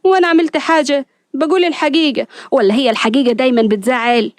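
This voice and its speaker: A woman voicing a spirited, sharp-tongued young woman who talks back fast and emotionally. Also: high-pitched, no echo, close to an everyday voice. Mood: indignant. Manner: quick, emotional, teasing retorts.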